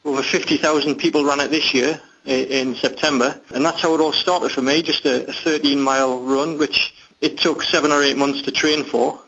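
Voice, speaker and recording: A man with a Geordie accent from northeast England, an interview guest who tells his running story in an earnest, measured way. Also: on the high side, steady tone, a bit bright, slightly rough, lo-fi sound. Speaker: interview guest, long-distance runner. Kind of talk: casual interview.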